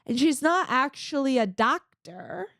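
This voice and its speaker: A woman's voice: high-pitched, expressive, unhurried, fairly bright tone, no room sound, studio quality. Chatty, rambling sarcastic woman. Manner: rambling, sarcastic storytelling with many fillers. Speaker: podcast co-host. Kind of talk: casual comedic chat.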